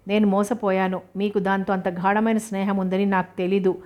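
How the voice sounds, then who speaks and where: A woman's voice: medium pitch, little pitch movement, fairly quick, highs cut off, natural voice. A woman reading a hurt, bitter young wife.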